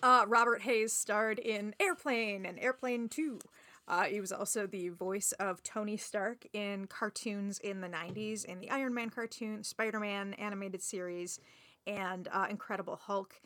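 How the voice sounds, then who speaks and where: A woman's voice: mid-range voice, steady tone, normal speed, bright, forceful tone, no echo. A woman co-hosting a casual podcast, informal and a little self-mocking as she talks. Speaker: podcast co-host. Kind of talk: casual chat.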